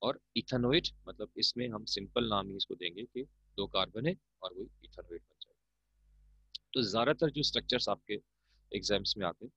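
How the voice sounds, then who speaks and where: Gravelly male chemistry teacher, lo-fi. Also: lowish voice, moderate pace, sharp tone, no echo. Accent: Pakistani Urdu. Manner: patient explaining, calls students "beta". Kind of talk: classroom lecture. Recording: muffled, dull lo-fi recording.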